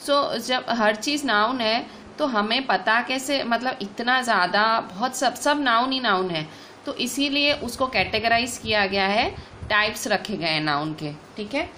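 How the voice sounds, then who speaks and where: A woman's voice: a little high, sharp tone. Woman teaching grammar, faint hiss. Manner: explains slowly, repeats "ठीक है" and restates points. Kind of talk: online class lecture.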